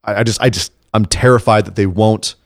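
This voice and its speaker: A man co-hosting a podcast, talking in a casual, animated way about wrestling and laughing easily. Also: lowish voice, a little fast, vocal fry, dry recording, studio quality. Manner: animated, excitable, breaks into laughs. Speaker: podcast co-host.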